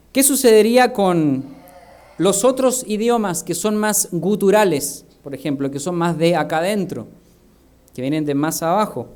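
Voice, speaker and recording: A man's voice: high-pitched, a little mellow. A male minister with a Chilean Spanish accent, preaching a sermon full of rhetorical questions. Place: church.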